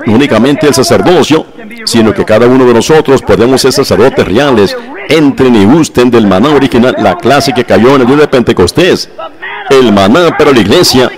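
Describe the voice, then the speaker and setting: Fervent male preacher's voice. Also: medium pitch. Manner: fervent, exclaiming praise and addressing listeners directly. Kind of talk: translated sermon voice-over.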